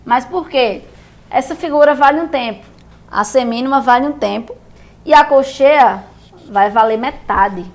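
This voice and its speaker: A woman's voice: high-pitched, moderate pace. A Brazilian woman teaching music theory, explaining rhythm step by step and checking in often with her viewers. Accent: Brazilian Portuguese. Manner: patient, repeats and checks in with "beleza?".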